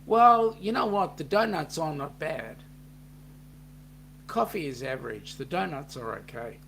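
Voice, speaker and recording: A man's voice: a little high, a little slow, creaky, a little hiss or hum. A man with a New Zealand accent co-hosting a casual live chat, reading out viewer comments with plenty of ums. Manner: relaxed, reads out chat messages with filler ums.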